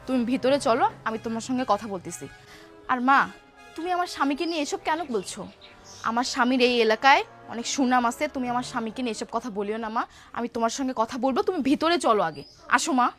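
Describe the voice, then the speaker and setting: A woman's voice: sits high, fairly bright tone. A woman playing a pleading young daughter. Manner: pleading, soothing, anxious. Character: young married daughter pleading with her angry mother.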